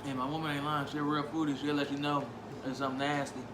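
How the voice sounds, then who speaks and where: A man's voice: a little high, level tone, quick pace. Casual man reviewing food, echoey noisy room. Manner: informal, savoring with frequent appreciative mm sounds. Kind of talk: casual food review vlog, eating while talking. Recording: roomy, echoey, clearly noisy home recording.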